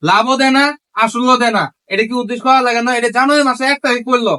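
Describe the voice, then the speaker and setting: A man's voice: very high voice, pushed and bright, clear, resonant tone, dry recording. A man with a rural Bangladeshi Bengali dialect, playing a greedy, blustering village moneylender in a comedy skit. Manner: greedy, blustering, fast-talking.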